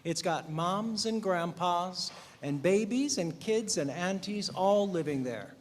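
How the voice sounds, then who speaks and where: In a church sanctuary, a man leads worship and tells a Christmas story to the congregation in an upbeat, coaxing, playful way. His voice is high-pitched, expressive, and slow. The recording has the reverb of a church hall and faint noise.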